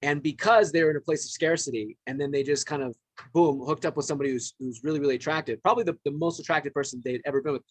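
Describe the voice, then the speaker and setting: A man's voice: fairly high pitch, racing, dry recording. A man hosting a podcast, telling a loose, profane anecdote with fillers in casual chat. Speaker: podcast host.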